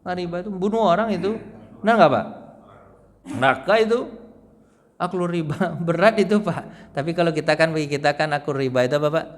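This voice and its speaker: A man teaching a mosque study session, lively, joking and quizzing the audience. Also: on the high side, fast talker, long pauses. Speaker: Islamic teacher. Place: mosque hall. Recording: long hall reverb.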